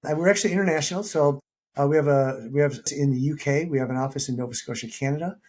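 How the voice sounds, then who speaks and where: A man's voice: a little high, fast talker, darkish tone. A man, a leadership coach being interviewed, talking conversationally and acting out quoted dialogue in his anecdotes.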